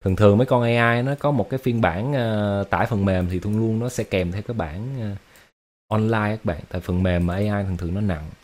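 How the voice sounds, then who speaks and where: A man chats to viewers on a livestream. His voice sits a little low. He explains things loosely, full of fillers and restarts. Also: brisk, darkish tone. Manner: chatty and explanatory, with many fillers and repeated words. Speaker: livestream host. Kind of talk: casual livestream chat with viewers.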